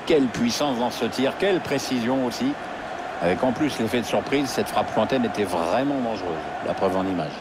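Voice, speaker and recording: A man's voice: mid-range voice, brisk, lightly acted. A man playing a wry football pundit in a video game, analysing play in a conversational way. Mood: wry analysis. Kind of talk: analytical sports commentary. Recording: loud stadium noise behind the voice.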